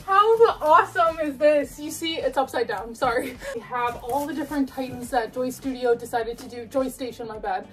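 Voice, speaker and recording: A woman's voice: fairly high pitch, steady tone, fairly quick, few pauses, far from the mic, faint music behind. A young woman casually chatting through an unboxing, gushing and laughing, a bit out of breath as she struggles with the box. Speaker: collectibles unboxing vlogger.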